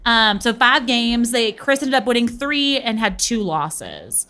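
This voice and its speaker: A woman's voice: a little high, very animated, unhurried, pushed and bright. A young woman co-hosting a podcast, chatting casually with lots of fillers. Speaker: podcast co-host. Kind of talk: casual chat.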